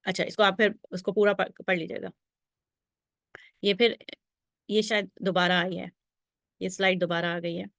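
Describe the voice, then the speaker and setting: A woman's voice: fairly low pitch, flat delivery, vocal fry, pauses often, a bit bright, no echo, clean studio sound. A woman teaching Arabic grammar in a recorded slide lesson, patiently reciting verb forms and checking in with the listener often. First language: Urdu. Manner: patient, drills conjugations aloud with frequent check-ins.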